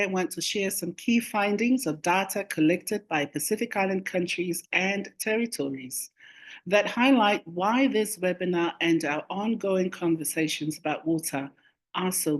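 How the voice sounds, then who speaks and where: A woman delivering a formal, measured welcome address as a chairperson. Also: on the low side. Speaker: government chief executive and task force chair. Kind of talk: formal prepared welcome speech.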